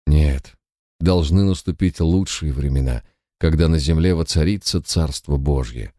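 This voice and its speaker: A man voicing an earnest, pious male lawyer who speaks quietly, in an audiobook. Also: extremely low pitch, unhurried, no echo, clean studio sound.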